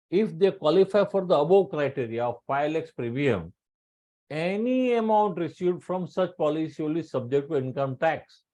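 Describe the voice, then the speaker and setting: This insurance trainer, a middle-aged man with an Indian accent, gives a training talk on tax law in a fairly high-pitched, dark-toned voice. He speaks slowly and emphatically, repeats key points, and mixes Hindi with English.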